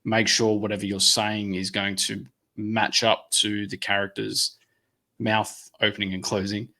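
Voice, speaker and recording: A man's voice: lowish voice, little pitch movement, measured pace, pushed and bright. A man co-hosting a casual podcast, ranting heatedly and swearing freely. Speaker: podcast co-host.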